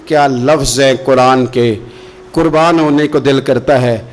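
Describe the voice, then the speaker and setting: A man delivering an emotional sermon, dramatically telling stories and acting out the speakers in them, with slow, drawn-out chanted recitation. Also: medium pitch, steady tone. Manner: dramatic storytelling, acts out quoted voices with sudden rises and drops. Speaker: preacher.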